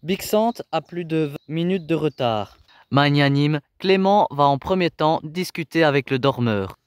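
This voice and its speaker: A man's voice: on the high side, a little slow, clean tone, no room sound. A man delivering scripted reality TV voice-over with emphatic, dramatic phrasing. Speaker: narrator.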